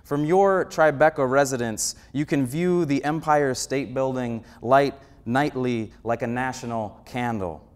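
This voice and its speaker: A man in his thirties, a poet, reading his own poem slowly and emphatically on stage at a stand mic. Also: medium pitch, clear, resonant tone. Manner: slow, emphatic poetry reading. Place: theater stage.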